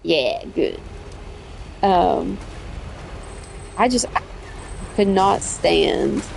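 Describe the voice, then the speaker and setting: A woman's voice: on the low side, big pitch swings, drawn-out words, vocal fry, darkish tone, a little hiss or hum. A woman chatting casually on a livestream while she plays a video game, rambling and self-correcting as she talks and laughing easily.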